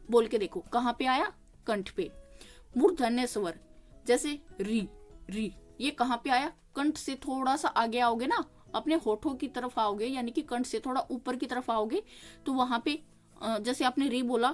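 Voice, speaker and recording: A woman teaching a grammar lesson, explaining step by step, checking in with the listener and sounding out vowels slowly. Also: fairly high pitch. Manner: explains step by step, often asking "ठीक है?". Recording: faint music behind the voice.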